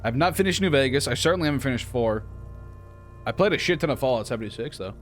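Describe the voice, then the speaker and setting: A man's voice: mid-range voice, lively intonation, fast talker, faint music behind. A man streaming a video game, chatting casually and reading dialogue with playful, wry asides. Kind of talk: casual gameplay commentary.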